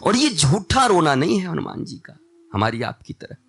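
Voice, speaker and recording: A man's voice: on the high side, sing-song, moderate pace, creaky, husky. A middle-aged man giving a religious discourse as a spiritual teacher, emphatic and storytelling, exhorting his listeners.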